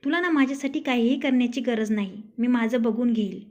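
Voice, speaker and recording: A woman's voice: fairly high pitch, brisk, a little mellow, lightly acted. A woman voicing a rude, arrogant young husband in a storybook tale, speaking in a taunting, scolding way. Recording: dull lo-fi recording.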